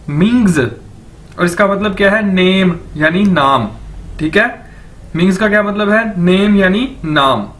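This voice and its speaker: A man with a Pakistani Urdu accent teaching a language lesson, drilling each word by repeating it slowly and checking that students follow. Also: high voice, fairly bright tone. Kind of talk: classroom lecture.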